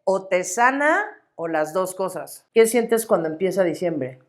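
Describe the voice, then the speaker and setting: A Mexican woman co-hosting a podcast, chatting casually in a warm, reflective way. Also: lowish voice, expressive, unhurried. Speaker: podcast co-host. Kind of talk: casual chat.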